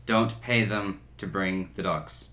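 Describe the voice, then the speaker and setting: A young man co-hosting a podcast, explaining his points in a measured way during casual chat. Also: deep voice, bright, forceful tone, reverberant. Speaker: podcast co-host.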